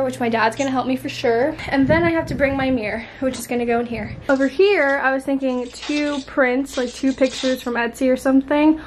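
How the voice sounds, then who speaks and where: A woman's voice: high voice, a little hiss or hum. A young woman talking informally and chattily to viewers in a casual home vlog, recorded on a camera in a bedroom. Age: young adult. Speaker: vlogger. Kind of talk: casual room-makeover vlog chat. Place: bedroom indoors. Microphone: handheld or propped camera.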